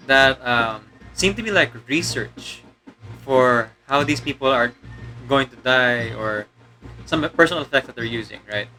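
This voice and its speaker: A straining put-on demon voice, as a man gamer takes it on while he rambles through his playthrough. The tone is bright and edgy, and the talk wanders with fillers. Faint music plays underneath. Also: medium pitch. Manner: rambling, hesitant, many fillers. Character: put-on demon voice of a male game narrator. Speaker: let's play gamer. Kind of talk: casual game commentary.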